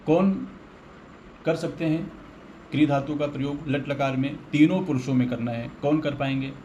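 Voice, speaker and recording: A man's voice: mid-range voice, fairly even intonation, normal speed, warm tone, muffled recording, slight background noise. A man teaching a Sanskrit grammar lesson, patiently explaining with everyday examples.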